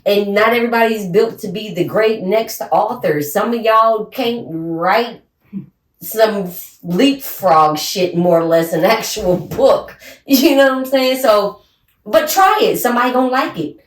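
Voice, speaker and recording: A woman's voice: medium pitch, unhurried. A woman in her forties co-hosting a podcast, talking bluntly in a casual chat and laughing often. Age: 40s. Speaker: podcast co-host. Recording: roomy sound from a distant mic.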